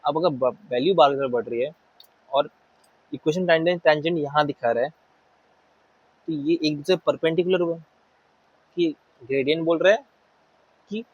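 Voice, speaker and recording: A man's voice: a little high, normal speed, long pauses, breathy edge. A young man teaching math in a casual lecture style, explaining informally, repeating words and mixing in English terms. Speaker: math tutor. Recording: muffled lo-fi recording.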